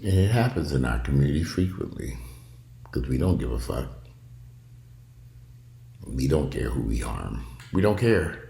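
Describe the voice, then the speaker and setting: A man's voice: very deep voice, big pitch swings, moderate pace, gravelly, long pauses, dark tone, roomy sound, slight background noise. A man giving casual, opinionated video commentary at home, talking in a blunt, profane, rambling way. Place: indoors at home.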